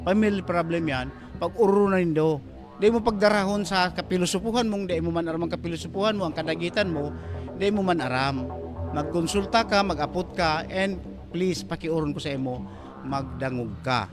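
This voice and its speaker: Bicolano man host, slightly raised pitch, admonishing and pleading, music bed underneath. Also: a little fast. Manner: lecturing, admonishing, pleading, repeating "Madam".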